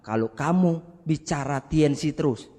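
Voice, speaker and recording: Curt, dismissive property businessman, as a male speaker quotes him, fairly high voice, hall echo. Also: normal speed, mellow, close to an everyday voice. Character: blunt older male property businessman, impatient.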